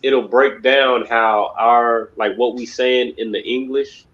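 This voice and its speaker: Slow and steady, a man at medium pitch lectures a religious class on dull-sounding audio. He rambles with emphasis, filling the gaps again and again with "you know what I mean."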